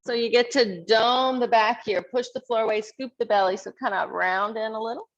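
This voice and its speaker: A woman leading a yoga class, calmly and encouragingly cueing each pose and stretch. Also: fairly high pitch, moderate pace, muffled recording. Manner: calm, encouraging cueing of poses. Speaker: yoga instructor. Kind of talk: guided yoga class instruction.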